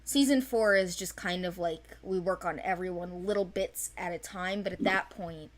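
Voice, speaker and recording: A woman with a fairly low voice speaks at a moderate pace, chatting off the cuff in an informal way. She's the creator of an animated series, presenting its characters for auditions in a casual, unscripted discussion of the project.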